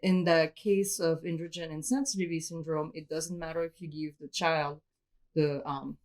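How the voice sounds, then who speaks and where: A woman's voice: deep voice, steady tone, normal speed, darkish tone. A woman from Switzerland, a guest in an interview, explaining her story in an open, matter-of-fact way. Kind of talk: candid personal interview.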